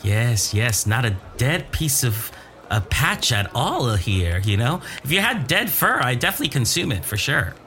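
A man voicing a tiny, flattering male imp who cheerfully eats other people's garbage. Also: medium pitch, moderate pace. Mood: eager. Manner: eager, people-pleasing, flattering, giggly.

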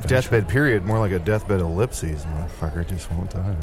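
A man's voice: sits low, animated, normal speed, crowd noise. A man playing a brash, vain, foul-mouthed fantasy adventurer in improvised comedy, blunt and swaggering in conversation. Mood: mock-outraged.

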